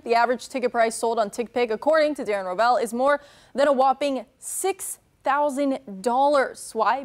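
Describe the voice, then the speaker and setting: Upbeat woman sports reporter, fairly high. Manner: upbeat, punchy play-by-play delivery. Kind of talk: scripted sports highlights narration. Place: TV news studio.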